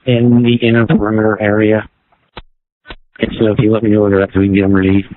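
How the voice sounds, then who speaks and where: A man's voice: on the low side, level tone, quick pace. Male officer over crackly police radio. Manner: brief, matter-of-fact reports. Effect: heard over a police radio. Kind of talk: radio traffic. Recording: tinny police radio with hiss and clicks.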